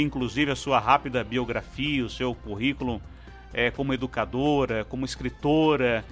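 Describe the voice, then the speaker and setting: In a radio studio, a man from Brazil runs a live news interview using the formal cadence of an announcer and long, flowing sentences. His Brazilian Portuguese voice sits in the mid range with a fairly bright tone.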